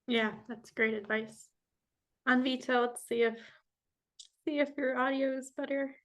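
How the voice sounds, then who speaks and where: A woman's voice: sits high, steady tone, a little slow. A woman moderating an online alumni panel, friendly and organized, with frequent ums as she introduces each speaker. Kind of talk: moderating a video-call panel.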